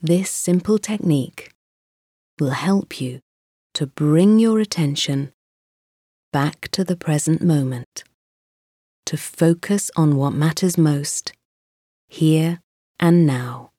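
Slow, low-voiced woman guiding meditation. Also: no room sound, studio quality. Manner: slow, soft and soothing, with pauses. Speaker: meditation guide. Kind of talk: guided mindfulness meditation.

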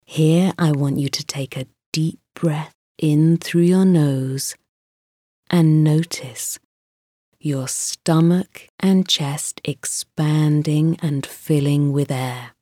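Slow, low-voiced woman guiding meditation. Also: steady tone, no echo, studio quality. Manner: slow, soft and soothing, with pauses. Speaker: meditation guide. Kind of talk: guided mindfulness meditation.

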